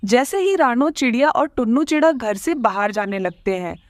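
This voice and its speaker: Cartoon narrator, woman, lively high voice, dry close sound. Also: moderate pace, no room sound. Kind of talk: scripted storybook narration.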